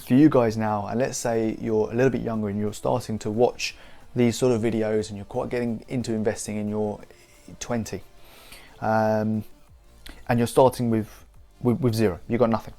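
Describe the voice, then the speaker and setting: Casting note: man, 30s, low voice, chatty rambling explainer, faint music underneath. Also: darkish tone. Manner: rambling, frequent restarts and fillers. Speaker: investing YouTuber. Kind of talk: casual explainer to camera.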